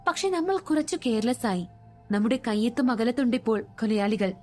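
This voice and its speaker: A woman's voice: fairly high pitch, fairly quick, dark tone, faint music behind, lightly acted. A woman voicing an eager, urgent young male investigator in a storybook reading.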